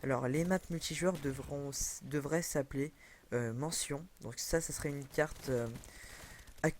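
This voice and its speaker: A man's voice: a little high, unhurried, slight background noise. A young man commenting casually on a video game over a headset, rambling with many fillers and self-corrections. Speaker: gaming commentator.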